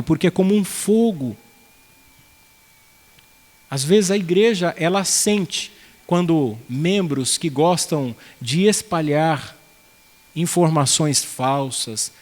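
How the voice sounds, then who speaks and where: Brief: male pastor, earnest and chatty, fairly high voice, big reverberant hall. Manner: earnest, conversational, draws on folksy anecdotes. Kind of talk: expository sermon.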